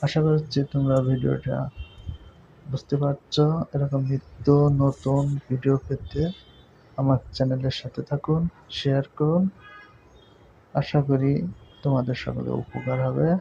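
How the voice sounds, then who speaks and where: Man, grammar teacher, patient and repetitive, monotone, dull lo-fi recording, faint background noise. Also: medium pitch, a little slow, vocal fry, pauses often. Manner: patient, repeats points, checks understanding. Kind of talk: explaining a grammar lesson.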